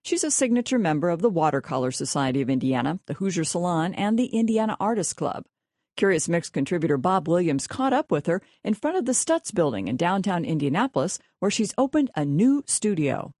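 Woman host reading her intro, lively pitch, low-ish, dry studio sound, soft music under. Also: a little fast, no room sound. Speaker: radio show host. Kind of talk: scripted introduction.

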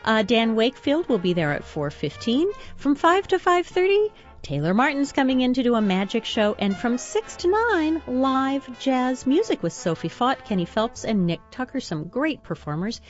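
Female radio co-host, animated and playful, light arts chat over music, slightly muffled. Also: high voice, moderate pace, hardly any pauses. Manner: playful, bantering.

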